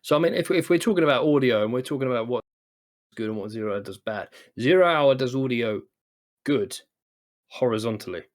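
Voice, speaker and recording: A man's voice: medium pitch, lively intonation, fairly quick. A British man hosting a podcast, rambling casually with lots of "you know" and restarts. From United Kingdom. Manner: rambling, many fillers and restarts. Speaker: podcast host. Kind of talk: casual chat.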